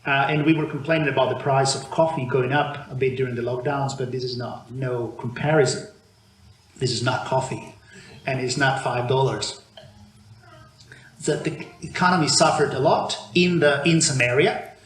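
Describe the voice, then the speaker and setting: This Argentine man speaks at a moderate pace in a steady, medium-pitched voice, giving a sermon in church. His delivery is conversational, full of fillers and frequent restarts, and the recording carries church echo plus faint background noise.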